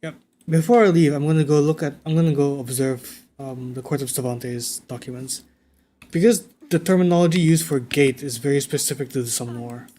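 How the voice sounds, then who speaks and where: A man livestreaming a game, talking casually and thinking out loud in a conversational way. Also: medium pitch, fairly quick, a little hiss or hum. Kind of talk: casual livestream chat while playing a game. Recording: game music behind the voice. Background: video game music.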